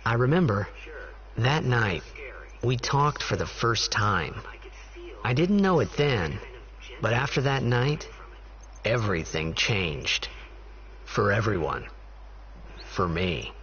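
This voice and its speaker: A man's voice: lowish voice, very animated, slow pace, long pauses, a bit bright, highs cut off, slight background noise, full character voice. An actor playing a candid, wistful young man who narrates his journey in a reflective video game voice-over. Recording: dulled game audio through a stream.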